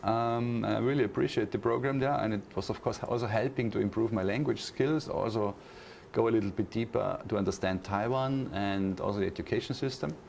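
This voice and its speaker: Answering interview questions as a guest, this Austrian university lecturer considers his words, pausing on fillers and starting phrases over. His English carries an Austrian German accent, and his voice is fairly low and darkish with a gravelly fry, over a faint background hiss.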